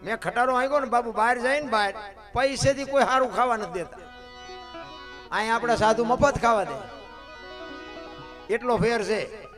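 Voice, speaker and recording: A man telling devotional folk tales, moving between soft talk and loud sung-out lines. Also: very high voice, normal speed, pauses often, faint music behind. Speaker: folk storyteller.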